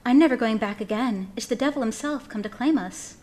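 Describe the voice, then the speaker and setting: A woman's voice: on the high side, fairly quick, warm tone, a little hiss or hum, natural voice. A woman reading aloud, voicing a frightened but defiant young woman in a storybook tale.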